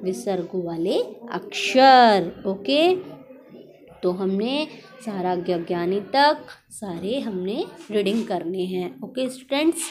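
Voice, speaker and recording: A woman's voice: medium pitch, darkish tone. A woman teaching a primary school Hindi lesson, drilling sounds syllable by syllable and asking the class questions. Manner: slow, drawn-out syllable drills with call-and-response questions.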